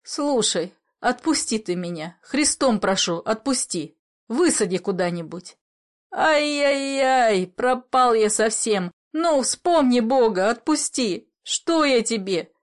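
A woman's voice: medium pitch, animated, a little slow. A woman voicing a frightened young peasant man who begs and wails in a raised, trembling voice. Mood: pleading. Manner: pleading, wailing, praying.

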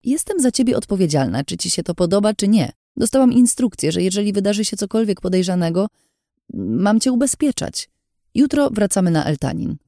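A woman voicing a fierce, harsh young woman guard who snaps and shouts through gritted teeth. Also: low voice, very animated, moderate pace, hardly any pauses, no echo, studio quality, full character voice. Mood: stern.

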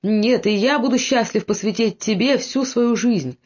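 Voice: medium pitch, unhurried, darkish tone, voice pushed up, close to an everyday voice. A reader voicing a devoted, brave young nobleman who speaks with impassioned earnestness, on a dull lo-fi recording.

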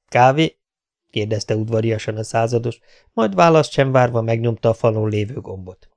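A man narrates a novel for an audiobook at a measured, even pace. His voice sits in an ordinary middle range. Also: medium pitch.

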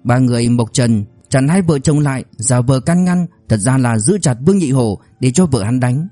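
Mellow male audiobook narrator. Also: mid-range voice, lively intonation, normal speed, no room sound, faint music behind. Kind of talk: scripted novel narration.

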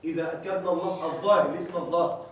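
A man teaching a grammar class. He keeps asking the students whether they follow and slows down to spell out each example. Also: a little high, steady tone, fairly bright tone. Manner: checks on students with repeated questions, stresses example words. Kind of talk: classroom lesson. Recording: very echoey room, far from mic.

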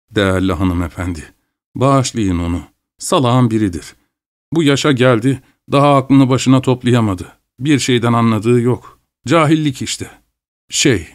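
A man's voice: mid-range voice, close to an everyday voice. A man voicing a humble peasant who fawns and pleads politely with a lady. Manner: fawning, ingratiating. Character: humble, wheedling male peasant elder.

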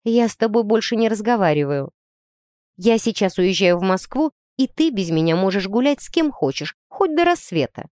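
A woman's voice: mid-range voice, expressive, moderate pace, a little mellow, no room sound, studio quality, natural voice. A woman reading aloud, voicing an offended young older sister who answers curtly and coldly. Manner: cold, curt.

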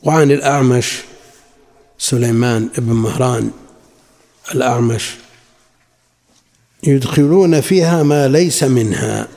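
A man teaching a religious lesson, reading quotations from classical sources and then explaining them in a measured way. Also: mid-range voice, vocal fry, darkish tone. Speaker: Islamic scholar teaching a lesson. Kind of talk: lecture explaining a classical text. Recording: long hall reverb.

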